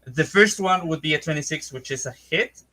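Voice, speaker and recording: A man's voice: fairly high pitch, lively intonation, normal speed, sharp tone. A man with a wry, amused way of talking, casually game-mastering a tabletop fantasy game.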